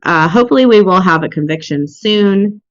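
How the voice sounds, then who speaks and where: A woman's voice: mid-range voice, animated, normal speed, dry recording. Woman, podcast host, casual true crime chat, blunt, swears, lo-fi dry sound.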